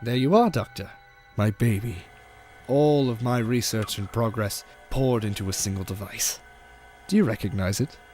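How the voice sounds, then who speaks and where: A man's voice: on the low side, normal speed, close to an everyday voice. A man playing a smug, cruel alien megalomaniac in an audio drama, theatrical and disdainful. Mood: gloating. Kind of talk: audio drama villain acting. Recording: fan audio play under loud music.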